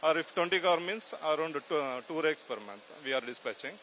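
Bright-voiced factory official, halting answers. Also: male voice, fairly high pitch, expressive, slight background noise. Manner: halting, with many fillers and restarts. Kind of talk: interview answers. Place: indoors at a factory. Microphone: handheld mic held to him.

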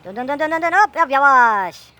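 A woman's voice: high-pitched, animated, normal speed, sharp tone. A woman chatting casually and joking with a friend while playing a farming game. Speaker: gameplay streamer.

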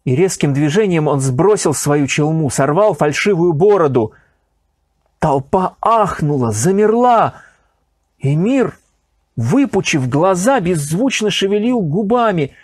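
A man narrating an audiobook in a theatrical, animated reading, close to the mic. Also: a little high, a little slow, slightly rough, dry recording. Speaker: audiobook reader.

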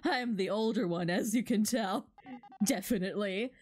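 With video game music in the background, a streamer reads out game dialogue and chats casually about it, her giggles frequently breaking up her words. She has a medium-pitched, slightly mellow voice and keeps a moderate pace.

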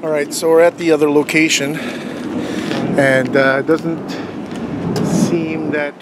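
A man's voice: on the high side, little pitch movement, unhurried. A middle-aged man chatting casually and informally as host of a night exploration vlog, with a joking streak. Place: dark abandoned building and outdoors at night. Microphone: handheld camera at arm's length. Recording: noisy handheld camera audio on location.

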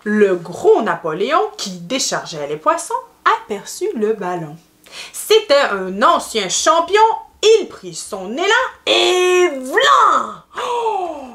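Québécois lady reading a kids book, slow and super bouncy, lots of sound effects. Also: mid-range voice. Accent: Québécois French. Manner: animated, expressive, sound effects and asides to the child. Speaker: speech therapist reading to children. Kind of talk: children's storytime reading.

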